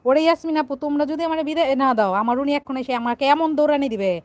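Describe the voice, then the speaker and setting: A woman's voice: sits high, very fast, darkish tone, dry recording. Playful woman chatting on a live stream. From Bangladesh. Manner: playful, teasing, reads out viewer comments. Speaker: vlogger hosting a live stream. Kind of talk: casual live-stream chat.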